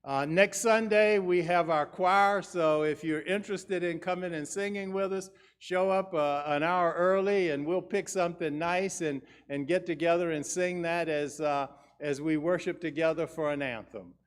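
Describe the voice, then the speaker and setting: A man speaking as a pastor leading a church service, measured and solemn in his delivery of announcements and liturgy. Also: on the high side. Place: church sanctuary.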